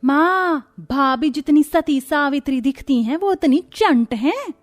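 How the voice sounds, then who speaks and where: A woman's voice: high voice, animated, takes it slowly. Woman voicing a teasing young sister-in-law. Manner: teasing and tattling. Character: sharp-tongued teenage sister-in-law. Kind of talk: Hindi cartoon voice acting.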